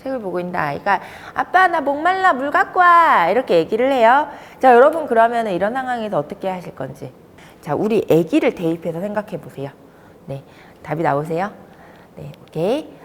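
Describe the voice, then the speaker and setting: A woman's voice: medium pitch, fairly quick, long reverb tail. A woman who works as a child development counselor, giving a talk to fathers in a storytelling way. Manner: warm storytelling with lively emphasis. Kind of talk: lecture to fathers.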